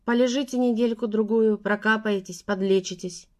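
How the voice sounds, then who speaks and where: A woman voicing a calm elderly male doctor who explains things in a measured, reassuring way. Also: mid-range voice, lightly acted.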